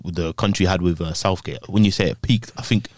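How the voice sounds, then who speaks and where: A man's voice: sits low, a little fast, darkish tone, dry recording, clean studio sound. A man with an urban London roadman accent hosting a casual, slangy football chat. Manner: slangy, conversational. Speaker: football podcast host.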